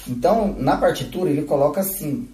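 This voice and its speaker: This flute teacher's live-streamed lesson has him speaking a little fast in a dark-toned voice on the high side. He explains techniques and frequently checks in with "né?" and "tá?", picked up from afar in a roomy room.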